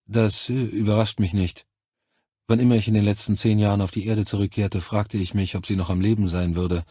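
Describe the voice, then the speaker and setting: A man with a husky, low voice playing a weary brother who speaks in a subdued, halting way. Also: steady tone, dark tone, no room sound, clean studio sound. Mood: resigned. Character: weary adult brother, resigned.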